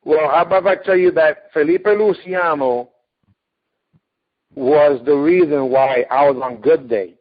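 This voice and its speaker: A man hosting a casual radio interview, telling stories with lively acted-out quotes. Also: on the high side, a little slow. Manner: animated storyteller, acts out quotes. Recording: phone-like radio audio.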